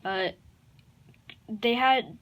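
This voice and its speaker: A woman improvising a fan-fiction story aloud, rambling and halting, with many fillers and self-corrections. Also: on the high side, muffled recording.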